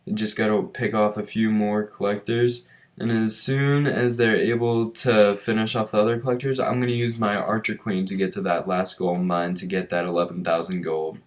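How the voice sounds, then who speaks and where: A young man casually commenting on his strategy-game raids, chatty and relaxed as he explains each move. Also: lowish voice, moderate pace. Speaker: gaming commentator.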